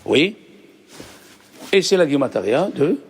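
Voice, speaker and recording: A rabbi gives a lively Torah lesson, patiently explaining and putting questions to the class. His voice is on the high side, sing-song and husky, and a little slow.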